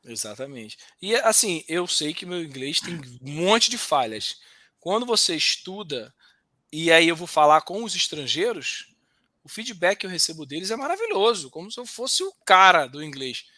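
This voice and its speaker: A man hosting a casual podcast chat, an animated storyteller who slips into slang and acts out the voices he quotes. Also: on the high side, normal speed, no echo. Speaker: host.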